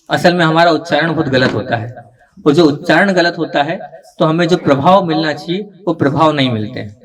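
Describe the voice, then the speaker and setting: Man, teacher, fairly high-pitched voice, live group lesson, coaxing and explanatory. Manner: explanatory, coaxing, checks in with listeners often. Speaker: teacher of religious recitation.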